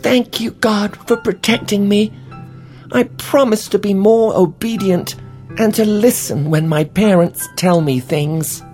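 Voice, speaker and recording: A woman voicing a small, timid young male seahorse in a storybook reading, soft and earnest. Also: medium pitch, unhurried, soft background music, close to an everyday voice. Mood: pleading.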